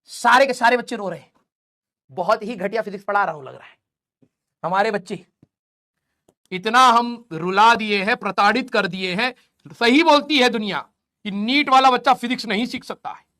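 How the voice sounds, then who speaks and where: A man teaching physics in a joking, teasing manner, with playful scolding and sudden shifts between loud and soft. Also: sits high, normal speed, pauses often. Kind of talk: comic classroom lecture.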